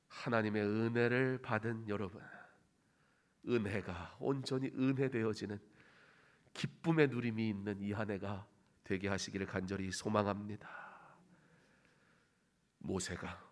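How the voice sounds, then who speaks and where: A man preaching a sermon in a church, swinging between loud emphatic bursts and quiet, intimate stretches, acting out quoted phrases. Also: on the low side. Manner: acts out quoted phrases with big dramatic shouts. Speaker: pastor. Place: church sanctuary.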